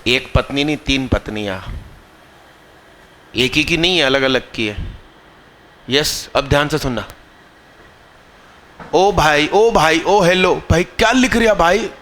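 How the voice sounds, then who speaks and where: Male math teacher, live class, slow and deliberate, bright voice, scolds and quizzes pupils. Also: on the high side. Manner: scolding, teasing students mid-lesson; questions the class and drills terms slowly.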